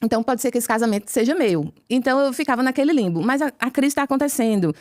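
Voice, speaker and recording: A woman with a Brazilian accent tells her conversion testimony at a quick clip, her voice pitched a little high. She acts out each exchange of dialogue in a lively way. The recording is dry and close, with no room sound. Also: no echo. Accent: Brazilian Portuguese. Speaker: podcast guest. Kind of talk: conversion testimony told as a story.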